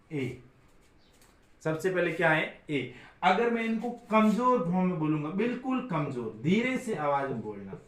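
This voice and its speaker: A man's voice: sits high, reverberant. A man from India teaching a grammar lesson, asking his own questions and answering them.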